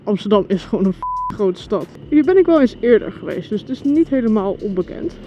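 A woman motovlogging while riding through city traffic, chatty and excitable, talking to her viewers. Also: mid-range voice, a little fast. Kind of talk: casual chat while riding. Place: outdoors in city traffic on a scooter. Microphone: helmet mic. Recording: dull lo-fi helmet audio with music. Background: music.

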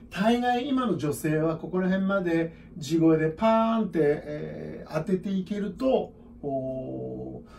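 A man's voice: a little high, vocal fry, dark tone, distant mic. A man teaching a singing lesson, counting in and singing scales along with a piano. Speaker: vocal coach.

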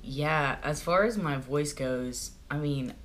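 This young adult vlogger's voice sits a little high and sounds a bit bright, though it cracks and goes hoarse without much effort. Speaking to a close-range camera in his small bedroom, he rambles through a casual video diary, full of "like" fillers.

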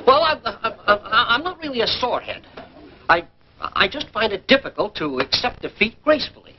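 Blustering, stubborn small-town American husband: swinging pitch, indignant, vintage radio comedy, muffled recording. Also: male voice, big pitch swings, moderate pace. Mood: indignant, self-pitying. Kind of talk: mid-century American radio comedy acting. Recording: dull, faintly noisy vintage radio recording.

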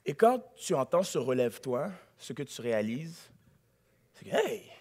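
A male pastor, preaching a sermon in a church, dropping to a hush and then rising to a shout. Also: fairly high pitch, very animated, normal speed, crowd noise, noisy background. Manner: dramatic preaching, swings from hushed to shouting.

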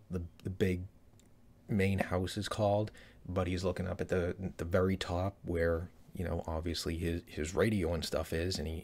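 In a low, darkish voice, a man in his thirties reviews a trailer for YouTube from a small room. His commentary is casual and meandering, often restarting and leaning on fillers.

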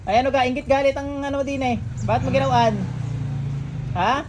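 A faith healer, sternly questioning a patient and murmuring ritual chants during a healing session at home. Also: male voice, extremely high pitch, steady tone, a little fast, noisy background.

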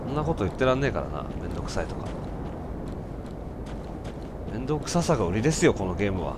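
A man giving casual let's-play commentary, breaking from muttered asides into loud startled outbursts. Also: lowish voice, big pitch swings, fast, heavy background noise.

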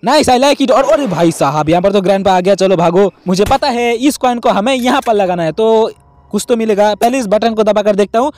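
A young man giving excitable gameplay commentary, talking straight to viewers with lots of exclamations. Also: sits high, a little fast, dry recording. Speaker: gaming YouTuber.

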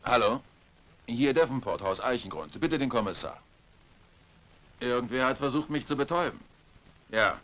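A man's voice: mid-range voice, expressive, normal speed, long pauses, fairly bright tone, close to an everyday voice. An actor, a man, playing an earnest, uneasy police detective in a dubbed vintage thriller film. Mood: tense, businesslike.

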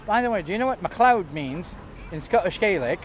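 An older interviewee on a waterfront pier talks briskly in a high voice with lively intonation, and a faint crowd can be heard. His casual storytelling is chatty, theatrical and jokey, broken up by loud laughs, over outdoor street noise.

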